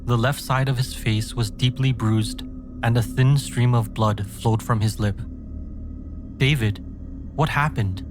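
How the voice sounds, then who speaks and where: A man reading a scripted scary story in a measured, dramatic first-person manner. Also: medium pitch, level tone. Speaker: horror story narrator. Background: background music.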